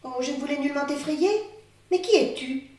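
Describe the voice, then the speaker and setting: A woman voicing a talking female sea turtle who lives in a castle, calm, questioning and a little weary, recorded in an echoey room with the mic far off. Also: high voice, a little fast, voice pushed up, close to an everyday voice. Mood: wary.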